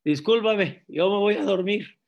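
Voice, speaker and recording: A man voicing a worn-out husband who gently begs off. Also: high voice, unhurried. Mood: weary.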